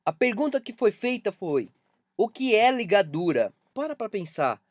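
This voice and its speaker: A music teacher with a Brazilian Portuguese accent gives an online lesson, speaking emphatically and repeating key points to drive them home. His voice is high-pitched and very animated at a moderate pace, with no room sound.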